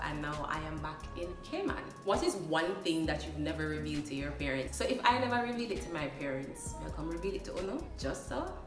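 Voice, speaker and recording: With a low-pitched voice, a young adult Jamaican woman chats in a relaxed introduction vlog, joking, laughing frequently and switching into patois. She was recorded by phone camera at a short distance in a small room, which sounds reverberant and far from the mic.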